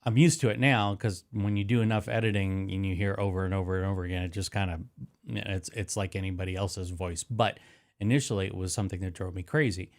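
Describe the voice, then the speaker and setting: A live streaming tech host with a nasal, low-pitched voice shows off audio gear in his studio, speaking steadily and quickly into a close dynamic broadcast mic. He's casual and rambling, correcting himself often and using lots of fillers and restarts.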